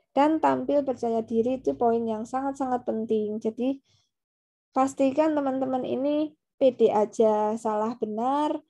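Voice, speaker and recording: A woman's voice: on the high side, creaky, mellow. A woman teaching a public speaking class, explaining step by step and checking in with her listeners. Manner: explanatory, tags sentences with friendly "ya" checks. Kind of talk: online class lecture.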